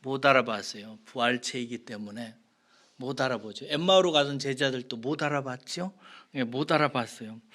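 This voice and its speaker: A male pastor giving an expository sermon, asking the congregation questions and answering them, swinging from loud emphasis to soft, whispered lines. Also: medium pitch, normal speed.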